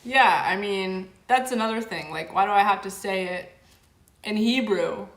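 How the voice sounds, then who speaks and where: A young woman hosts a casual livestream, reading chat aloud and rambling with plenty of fillers, saying "like" a lot. Her voice is medium-pitched, a bit bright, and moderately paced, picked up by a camera mic with reverberant sound.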